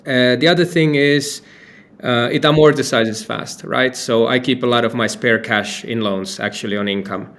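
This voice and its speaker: A man's voice: medium pitch, fairly bright tone. A man from Finland, a company founder giving loose, talkative answers in an interview, with many fillers and restarts. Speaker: company founder and CEO, guest.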